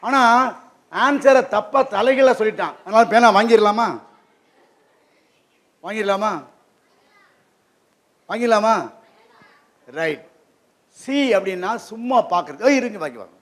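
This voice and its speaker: A man giving an interactive lesson to children in a library hall, keeping them engaged with quick questions. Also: high voice. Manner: lively, keeps quizzing the audience with quick questions. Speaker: guest presenter at a children's program.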